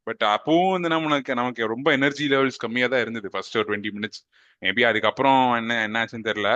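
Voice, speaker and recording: A man co-hosting a casual football podcast, speaking with a Tamil accent and mixing in English phrases as he gives animated opinions. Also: mid-range voice, quick pace, no echo, dull audio. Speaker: podcast co-host.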